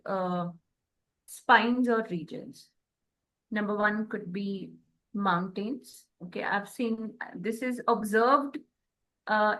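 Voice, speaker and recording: A co-host with an Indian accent gives an explanatory spiritual talk, speaking deliberately and haltingly and often checking in with short questions. Her voice is medium-pitched and a bit bright, on a low-quality recording.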